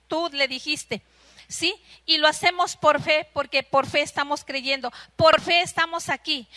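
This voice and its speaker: A woman with a Mexican accent preaches to a congregation, her voice high and bright. She keeps asking her listeners short questions as she goes. Her words ring out with a long reverb from the church hall. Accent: Mexican Spanish. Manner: asks the congregation "¿sí?" often. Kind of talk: sermon.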